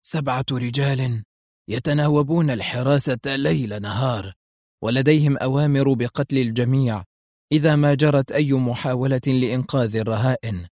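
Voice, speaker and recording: A man voicing a proud, stern male mafia boss who speaks slowly and commands. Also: mid-range voice, darkish tone, dry recording, studio quality, close to an everyday voice. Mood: calm.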